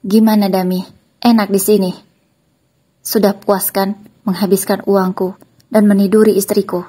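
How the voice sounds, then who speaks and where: A woman's voice: medium pitch, level tone, moderate pace, mellow, breathy edge, natural voice. A woman voicing a betrayed husband who speaks in a stern, threatening way. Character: betrayed husband, cold and angry.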